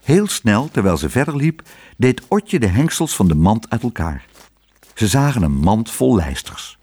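Husky guy reading a kids story, really animated, voice all over the place. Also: lowish voice, a little slow. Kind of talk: children's story narration.

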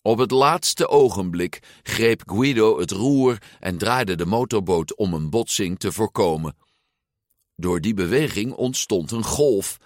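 A man reading a children's story aloud with expressive, lively intonation. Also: lowish voice, unhurried, no room sound, studio quality. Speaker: storybook narrator. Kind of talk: storybook read-aloud narration.

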